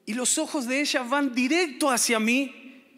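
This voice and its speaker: A man with an Argentine accent, preaching a sermon as a story and acting out the dialogue with lively shifts. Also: very high voice, moderate pace, in a large hall, soft background music. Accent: Argentine Spanish. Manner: animated, acts out dialogue. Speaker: pastor.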